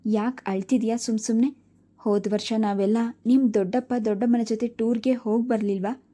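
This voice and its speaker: Woman doing a stern stepmother, sharp, scolding, controlling, very mellow dark tone, storybook reading. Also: mid-range voice, steady tone, normal speed, lightly acted.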